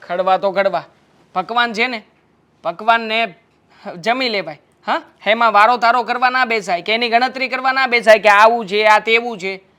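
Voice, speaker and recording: An actor voices the young husband in a Gujarati family drama short film, answering defensively and coaxingly while waving away his wife's concerns in an easygoing, dismissive manner. His high-pitched voice is clear, sharp and resonant, at a normal speed.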